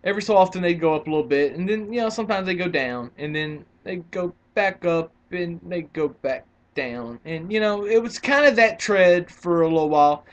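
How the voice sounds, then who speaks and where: A man's voice: high voice, moderate pace, few pauses, dull audio. A man in his twenties ranting casually to camera as a wrestling vlogger, argumentative and rambling with frequent restarts. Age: 20s.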